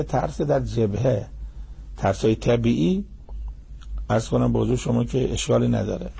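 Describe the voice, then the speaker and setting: Gravelly older man giving Quran commentary. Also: medium pitch, mellow. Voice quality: gravelly, husky voice. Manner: recites Arabic verses then explains in colloquial Persian. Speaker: Quran teacher. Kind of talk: sermon-style Quran commentary.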